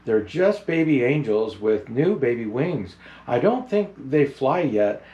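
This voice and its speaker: Guy doing jolly old santa reading picture books, gentle and kinda halting, medium pitched voice. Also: very animated, muffled recording. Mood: gentle storytelling. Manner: halting, unhurried, gentle, many hesitations. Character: jolly old Santa Claus, kindly storybook host. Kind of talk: picture book reading with rambling chat.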